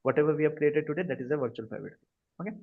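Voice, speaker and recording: A slightly high, creaky male voice races through a live online cloud computing lesson. The instructor has an Indian accent and keeps checking comprehension with quick questions over a video call recorded in dull, lo-fi quality.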